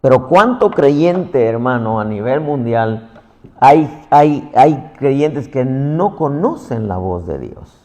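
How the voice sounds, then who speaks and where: A man's voice: medium pitch, animated, slow pace, darkish tone, big-room sound. A man preaching a passionate sermon, calling his listeners "hermano" again and again.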